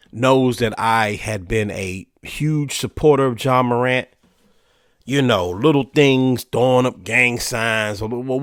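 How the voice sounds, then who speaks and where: Clean studio sound with no room ambience carries a podcast host's mid-range, fairly bright voice. He's a little stuffy and nasal from allergies, chatting casually solo with plenty of "you know" and restarts.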